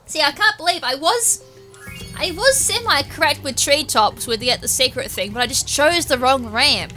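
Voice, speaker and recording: A woman with an Australian accent giving chatty, excitable let's-play commentary and poking fun at herself. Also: high-pitched, normal speed, soft background music. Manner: excitable, chatty, self-mocking. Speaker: gamer.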